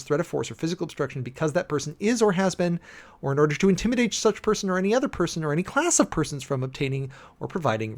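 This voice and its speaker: Slightly high, creaky and a touch mellow, this American man's voice carries a dramatic reading broken up by improvised remarks. His manner is sardonic and emphatic, with mock-exasperated asides in the style of a preacher-commentator.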